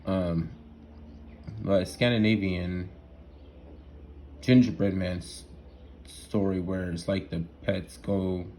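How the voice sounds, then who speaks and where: A man with a deep, low voice talks in a loose, excitable ramble. He restarts his sentences, stacks up fillers and keeps checking in with "right?". A faint noise sits under the recording. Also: takes it slowly, long pauses. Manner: loose, excitable, laughs at himself. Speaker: solo vlogger. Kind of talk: rambling casual monologue.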